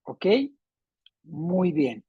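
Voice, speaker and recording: A woman teaching a class on spelling rules, speaking slowly and deliberately and repeating words with different stresses. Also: sits low, husky, no echo, phone-quality sound.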